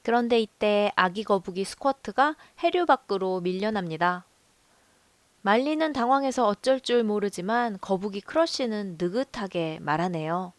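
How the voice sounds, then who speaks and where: A woman narrating a film review in a calm, measured storytelling voice. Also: mid-range voice, no echo. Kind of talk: scripted voice-over narration.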